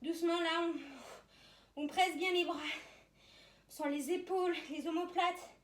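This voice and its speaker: Woman, workout instructor, high pitch, short encouraging commands, countdowns, distant mic, background noise. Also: fairly even intonation, measured pace, echoey room. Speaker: fitness instructor leading a circuit workout. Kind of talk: live workout coaching with countdowns.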